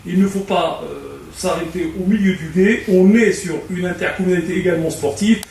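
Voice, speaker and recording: Man giving a formal talk at a debate, stumbles a lot, high voice, echoey room far from the mic. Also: creaky, darkish tone, a little hiss or hum. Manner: halting, many fillers and restarts. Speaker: speaker at a public debate. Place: community hall.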